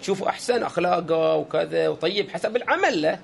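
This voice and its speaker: Animated high-voiced preacher. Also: male voice, fast talker, creaky, husky. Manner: joking, addresses listeners directly, acts out quoted exchanges. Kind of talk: lively sermon to a congregation.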